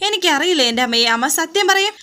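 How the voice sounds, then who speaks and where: Brief: hurt, pleading young daughter, read by a woman, high bright voice. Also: lively intonation, fast, heavily acted. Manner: pleading, insistent. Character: devoted young adult daughter, hurt and insistent.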